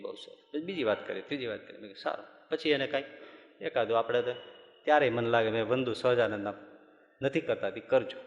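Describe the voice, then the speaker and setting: Gujarati monk preaching in an echoey hall. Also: male voice, mid-range voice, lo-fi sound. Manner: folksy, animated storytelling with laughter. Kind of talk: storytelling sermon. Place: large hall at a gurukul. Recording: echoey hall with long reverb.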